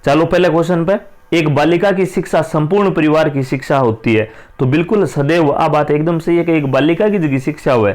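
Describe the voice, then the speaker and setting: A man's voice: fairly high pitch, brisk, a little mellow. Chatty Rajasthani man explaining answers. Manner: casual, chatty, mixes dialect with Hindi. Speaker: teacher. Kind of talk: exam-prep lesson, explaining answers.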